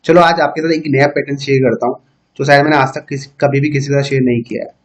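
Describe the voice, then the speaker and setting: A man giving a casual trading tutorial, talking straight to viewers and filling pauses with "okay". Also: mid-range voice, fairly even intonation. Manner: conversational, repeats "theek hai" often, addresses viewers directly. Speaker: stock market educator.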